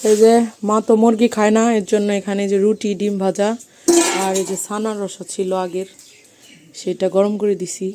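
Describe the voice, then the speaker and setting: A hoarse woman with a cold and a Bangladeshi Bengali accent, chatting casually to a phone camera as she shows her family's food and cooking. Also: mid-range voice, flat delivery, normal speed, music in the background. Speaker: vlogger. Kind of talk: casual home vlog narration.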